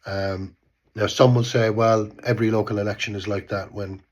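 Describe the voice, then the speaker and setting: An Irish man in his fifties, blocked up with a cold, vlogs from home in Bristol, giving casual political commentary that rambles, repeats words and keeps trailing off into "type thing." He speaks at normal speed, with a fairly low pitch and fairly even intonation.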